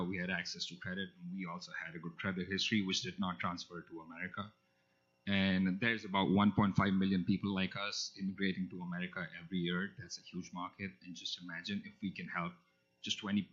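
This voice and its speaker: A man, a student, giving a team startup pitch in a measured way with fillers. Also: fairly bright tone, husky. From India. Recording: slightly muffled event audio.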